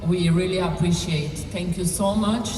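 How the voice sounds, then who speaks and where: A woman's voice: on the low side, noisy background. A woman from Morocco and France, widow of the deceased, giving hesitant thanks at a podium during a memorial. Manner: slow, hesitant, with many pauses. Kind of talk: halting public speech. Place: large hall at a podium. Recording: echoey hall, mic picked up from a distance.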